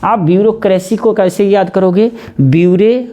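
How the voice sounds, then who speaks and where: A man with a Hindi accent teaching English spelling, slowly repeating each word and spelling it out letter by letter. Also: high-pitched, warm tone, highs cut off. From India. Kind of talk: spelling lesson, explaining word by word.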